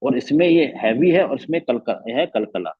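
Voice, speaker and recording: A man's voice: medium pitch, expressive, normal speed, breathy edge, dry recording, dull audio. A man teaching a Quran recitation class online, patiently repeating letter sounds to demonstrate them.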